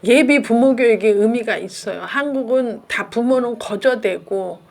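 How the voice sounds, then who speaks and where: A woman's voice: a little high, unhurried, gravelly, a little mellow. A middle-aged woman, a professor, giving a casual talk on parenting advice and acting out little scenes between mother and child.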